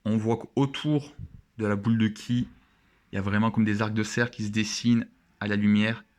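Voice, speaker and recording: A young man with a fairly low voice talks casually over a card opening. He sounds enthusiastic and chatty, pausing to admire each card as it comes out of the pack. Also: fairly even intonation.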